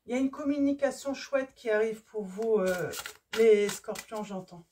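Hoarse woman tarot reader, higher voice, a bit off-mic, halting casual delivery. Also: warm tone, recorded from a distance, a little hiss or hum. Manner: hesitant, many fillers and restarts. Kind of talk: casual card-reading video.

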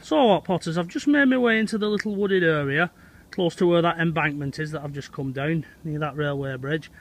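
A middle-aged man with a broad Lancashire accent talks to his viewers in an easy, chatty way as he walks through winter woodland. His voice sits slightly higher than most men's. He is filmed outdoors on a phone held at arm's length. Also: a little fast. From England. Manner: chatty, addresses viewers as "Hot Potters". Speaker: vlogger exploring old railway sites. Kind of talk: walking outdoor vlog to camera. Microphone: phone camera held at arm's length.

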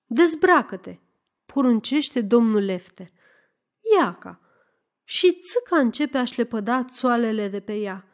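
A woman reading a classic short story aloud as narrator, in a lively, expressive way. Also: on the high side. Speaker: audiobook narrator. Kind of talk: scripted narration.

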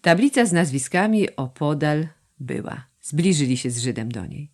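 Expressive woman narrating an audiobook. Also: low-pitched, moderate pace. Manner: expressive, storytelling. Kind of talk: scripted narration.

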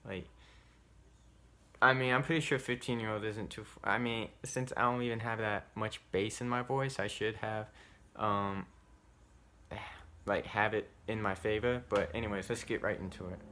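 A man's voice: on the low side, steady tone, normal speed, pushed and bright. A man hosting a casual vlog intro, talking in a rambling, filler-heavy and nervous way. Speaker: YouTube reaction host.

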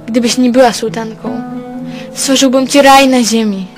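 Lovesick young vizier, earnest and pleading, read by a woman in a fairly high voice, faint music. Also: steady tone, normal speed, close to an everyday voice.

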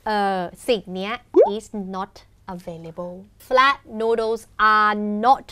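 A young woman co-hosting an educational show, explaining words and drilling pronunciation in a lively way. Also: mid-range voice, drawn-out words. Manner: animated, spells out and drills pronunciation. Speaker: co-host teaching English. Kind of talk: casual educational chat.

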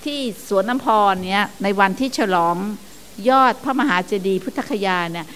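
An older woman, a nun on a radio show, gently teaching about chanting and family life. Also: mid-range voice, animated, normal speed, slight background noise. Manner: gentle teaching, sometimes laughs and mimics chanting. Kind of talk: dharma talk on radio.

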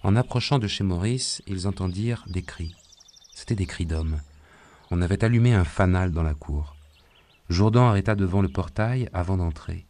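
Deep-voiced guy reading an audiobook, calm and steady. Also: normal speed. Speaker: audiobook narrator. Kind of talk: scripted narration.

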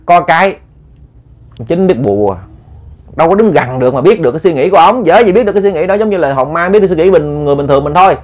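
A man narrates a ghost story in casual, chatty speech. He stumbles and repeats words as he goes. His voice sits a little higher than most men's. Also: animated. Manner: repetitive, halting, chatty.

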